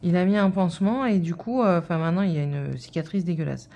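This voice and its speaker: A woman's voice: fairly low pitch, fast talker, creaky, mellow, dull audio. A woman in her thirties chatting casually while stitching, telling a rambling story full of fillers. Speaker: vlogger.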